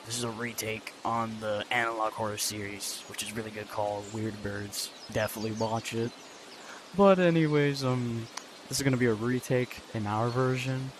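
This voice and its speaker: A guy hosting his homemade fan video in a casual, rambling way full of ums. His voice sits at a middle pitch. Clear background noise runs under it. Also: normal speed. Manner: rambling, filler-heavy. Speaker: channel host and narrator. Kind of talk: casual fan video intro and role-play. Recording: noisy home recording.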